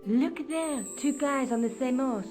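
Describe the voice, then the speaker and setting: A woman's voice: sits high, a little slow, music in the background. An actress playing a clever, teasing young woman adventurer in a video game. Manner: playful, teasing.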